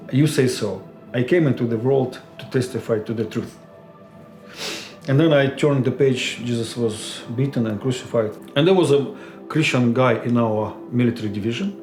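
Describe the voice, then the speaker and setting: A man, a missionary telling his story in an interview in a measured, reflective way. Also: mid-range voice. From Ukraine. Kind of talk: personal testimony interview. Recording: roomy echo with music underneath.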